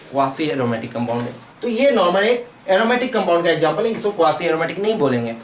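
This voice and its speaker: High-voiced Indian man lecturing in an echoey room. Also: slight background noise. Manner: asks and answers his own questions, repeats key terms. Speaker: chemistry teacher. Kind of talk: whiteboard lecture. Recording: echoey room, mic far off.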